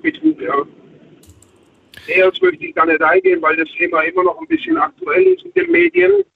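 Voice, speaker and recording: A man's voice: very high voice, big pitch swings, a little fast, gravelly. A man calling in from the hands-free speakerphone in his truck cab, talking casually and hesitantly with many fillers over a dropping phone line. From Heidelberg area, Germany. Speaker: caller. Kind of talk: casual call-in chat. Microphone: hands-free car kit. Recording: tinny, dropping phone line with faint noise.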